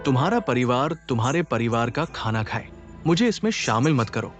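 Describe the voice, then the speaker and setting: A man's voice: mid-range voice, sing-song, normal speed, soft background music, close to an everyday voice. A man dubbing a stern, aloof young billionaire CEO in a TV drama, speaking curtly and coldly. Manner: curt and cold. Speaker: boss. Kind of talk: Hindi dub of a TV drama.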